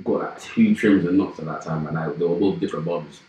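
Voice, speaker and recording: A man's voice: low voice, fairly even intonation, quick pace, warm tone, recorded from a distance. A young man from Manchester with a Mancunian accent, co-hosting a podcast with incredulous, slangy banter. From Manchester, England. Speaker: podcast co-host. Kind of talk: casual chat. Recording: echoey room with faint noise.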